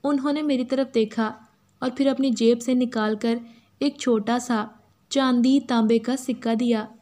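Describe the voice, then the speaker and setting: Mellow-voiced woman narrating a story. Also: a little high, fairly even intonation, moderate pace. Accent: Urdu. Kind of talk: scripted first-person story narration.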